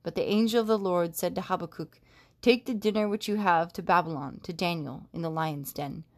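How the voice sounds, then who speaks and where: Woman reading scripture, slightly low voice. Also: a little fast. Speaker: scripture reader.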